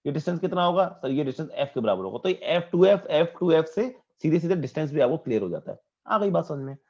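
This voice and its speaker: A man's voice: on the high side, sing-song, fast, a little mellow, breathy edge, dull audio. A man teaching a physics class online, asking questions and answering them himself and repeating key points for emphasis. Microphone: video call.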